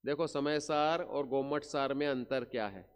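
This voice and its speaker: Slow, resonant male Jain preacher in hall. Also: mid-range voice, clear, resonant tone. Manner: slow, drawn-out chanting of verses, then quick asides to the audience. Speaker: Jain pravachan speaker. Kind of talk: religious discourse. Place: large hall at a Jain pilgrimage site. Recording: long hall reverb.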